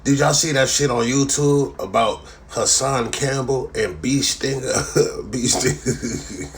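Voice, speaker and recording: Unhurried and steady in tone, a man with a mid-range voice hosts a live stream where he reads chat comments and delivers a casual, profanity-heavy rant to viewers. He keeps repeating a slang tag at the end of his lines, and there's a little hiss or hum on the audio.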